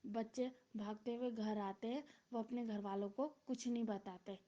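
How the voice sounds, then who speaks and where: A woman's voice: a little high, fairly even intonation, normal speed, dark tone. A woman telling a story casually, in an informal and repetitive way with many fillers, on a dull lo-fi recording.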